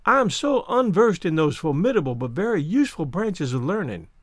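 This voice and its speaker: A male narrator voicing a genteel, dreamy elderly lady poetess who speaks slowly and lilts through her verse. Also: on the low side, sing-song, no echo, studio quality. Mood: gushing. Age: older. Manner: wistful, poetic, slow and lilting.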